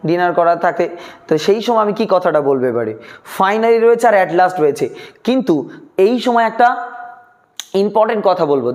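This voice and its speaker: A man teaching spoken English, dragging out model sentences slowly and coaxing students with questions. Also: high-pitched, a little mellow.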